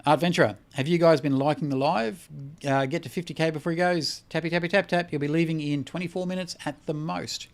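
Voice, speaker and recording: A man's voice: a little high, fairly even intonation, a little fast. A tired Australian man hosting a casual credit repair livestream, reading out chat comments and answering bluntly with a lot of swearing. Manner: blunt and profane, swears freely.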